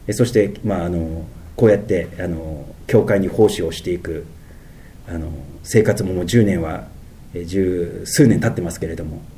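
A middle-aged man with a Tohoku accent preaching a sermon as pastor. He moves between drawn-out, lofty passages and quick, mumbled asides. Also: low-pitched, warm tone, slight background noise. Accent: Tohoku Japanese.

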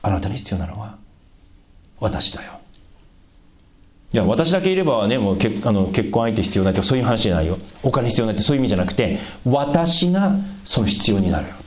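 A man's voice: on the low side, sing-song, racing, hardly any pauses. A man preaching a sermon as a pastor, talking conversationally and addressing the congregation directly. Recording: echoey room.

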